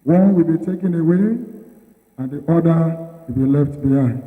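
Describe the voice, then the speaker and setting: A man reading the Gospel at a church service in a deliberate, formal way. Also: fairly high pitch. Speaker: liturgical reader of the Gospel. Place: large reverberant church, far from mic. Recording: distant, phone-like band, long church reverb.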